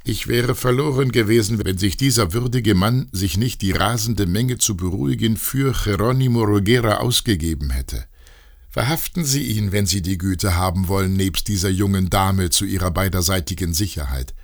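A composed nobleman speaks with measured, formal courtesy, as a male narrator reads him. The voice is low with a gravelly texture. It stays controlled and dignified.

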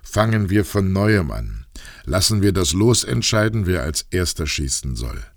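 A man voicing an embittered, vengeful male duelist in an audiobook, speaking in a measured, coldly formal way. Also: sits low, very animated, dry recording, clean studio sound, full character voice. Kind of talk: audiobook reading.

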